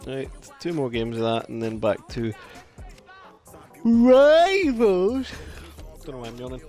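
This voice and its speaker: A man's voice: mid-range voice, flat delivery, fast, faint music behind. Chatty man streaming a game. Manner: chatty, rambling, reacts loudly to play. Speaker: gaming streamer. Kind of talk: casual live-stream commentary.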